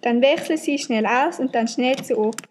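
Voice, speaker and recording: Woman doing an impatient scolding mom, high voice, home radio play. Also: moderate pace, a little hiss or hum, lightly acted. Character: impatient mother of forty-five.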